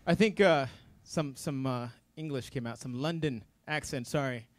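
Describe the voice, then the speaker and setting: A man's voice: mid-range voice, normal speed. A man hosting a live radio interview, upbeat and eager, often stumbling over his words. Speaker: radio host. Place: live music lounge.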